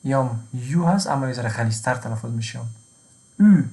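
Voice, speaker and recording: A man's voice: mid-range voice, a little mellow. Afghan Dari-accented man teaching German letters. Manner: repeats each word twice, then translates. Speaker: language teacher. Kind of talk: slow spoken language lesson.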